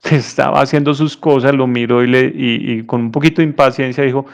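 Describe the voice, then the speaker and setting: A male psychologist gives a conference talk, conversational and unhurried, repeating words as he searches for them. His voice sits in a plain middle range. He shifts easily into storytelling. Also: medium pitch, fairly even intonation, gravelly, clear, resonant tone. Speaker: psychologist giving a lecture.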